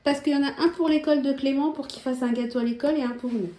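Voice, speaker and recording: A woman's voice: high voice, steady tone, very fast, dark tone. A woman chatting casually to viewers about her groceries, full of hesitations and asides. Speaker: vlogger showing her grocery haul. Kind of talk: casual vlog chat. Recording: echoey room with faint noise.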